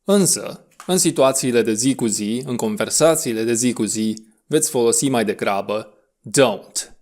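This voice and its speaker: A man leading an audio lesson on English pronunciation. He gives quick instructions and then draws out the model words slowly. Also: mid-range voice, a little mellow. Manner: slow, drawn-out model words between brisk instructions.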